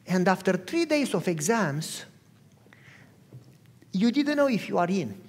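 Man, pastor, sermon storytelling, husky, lively intonation, long hall reverb. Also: high-pitched. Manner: animated, acts out dialogue with rising excitement.

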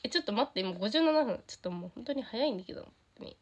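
A teenage girl from Japan with a Kansai accent chats casually on a livestream as an idol talking to her fans. Her voice is fairly high, animated and very fast. She reads fan comments, giggles often and is bubbly and easily delighted by what people write.

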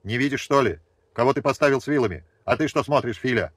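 A man's voice: medium pitch, fast talker, no room sound, natural voice. A man voicing a defiant young exiled peasant who speaks firmly and reproachfully. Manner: reproachful, firm. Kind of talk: audiobook character voice.

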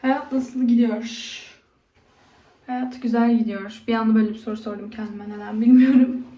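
A woman's voice: fairly high pitch, steady tone, moderate pace, mellow, far from the mic, highs cut off. A young woman in her twenties chatting casually to her viewers as she does her hair, her voice echoing in an empty room. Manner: chatty, talks to herself and viewers while doing her hair. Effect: echo from an empty room. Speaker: vlogger. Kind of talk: casual vlog chat. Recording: echoey empty room, faint hiss.

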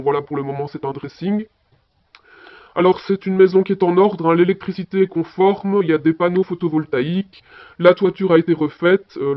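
A man with a Belgian French accent leaving a chatty answering machine message as a caller, with plenty of little fillers. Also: high voice. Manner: chatty, fillers like voilà and hein. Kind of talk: phone message in a listening exercise. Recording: muffled answering machine audio.

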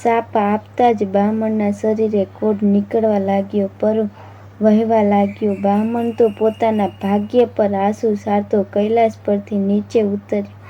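A woman narrating a devotional story in a steady storytelling manner, on a dull lo-fi recording with faint noise. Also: mid-range voice, unhurried.

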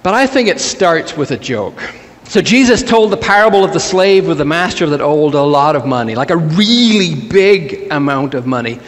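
Playful pastor in an echoing church. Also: male voice, on the high side, animated, normal speed. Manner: playful, joking storyteller. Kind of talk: humorous sermon. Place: church sanctuary.

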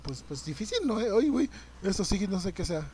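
A young man, streaming a game live, reacting loudly, swearing and greeting his chat. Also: high-pitched, big pitch swings, a little fast, slight background noise. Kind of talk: live gameplay commentary.

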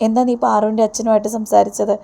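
A woman reading as a scheming sharp-tongued woman. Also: medium pitch, level tone, fast talker, creaky. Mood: curt.

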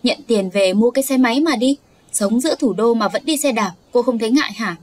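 A woman doing a shrill, scolding street sweeper. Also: fairly quick, a little hiss or hum, lightly acted. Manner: scolding, shouting insults.

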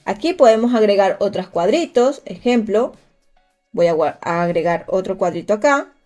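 A woman's voice: medium pitch, expressive, normal speed, mellow, faint music behind. A woman teaching a live design class, chatting directly with her viewers and thinking aloud as she works. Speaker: crafts instructor. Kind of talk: live-streamed software tutorial.

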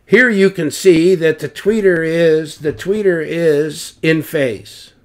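A loudspeaker designer explains measurements informally, posing rhetorical questions, answering them, and correcting himself as he goes. His voice is fairly high-pitched and slow.

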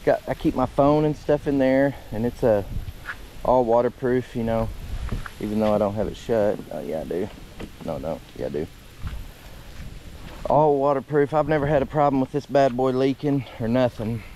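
A man's voice: medium pitch, moderate pace, mellow. Laid-back man on a kayak. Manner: laid-back, rambling, folksy. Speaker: kayak fishing vlogger. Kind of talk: casual outdoor gear talk. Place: on a kayak on a lake outdoors. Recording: noisy outdoor audio.

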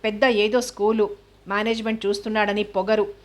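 A woman reading a novel aloud in an even, measured scripted narration. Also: medium pitch. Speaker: novel reader.

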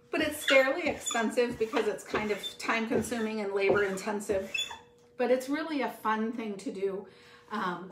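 Her voice sits on the high side against a noisy background as this middle-aged cooking show host runs a live demonstration indoors in her own kitchen. She's chatty and friendly, talking to viewers while working at the counter, captured by a fixed camera across from her with plenty of kitchen echo.

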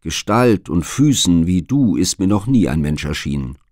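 A low-voiced man playing a faithful old nurse, steadfast and tearful, read in an earnest storybook manner. The recording is close and dry. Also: very animated, normal speed, darkish tone, dry recording. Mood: wondering.

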